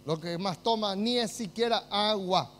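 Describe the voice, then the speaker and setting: A man with a Paraguayan Spanish accent, preaching a sermon as pastor, swinging from hushed lines to loud, emphatic calls. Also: high-pitched, measured pace, a little hiss or hum.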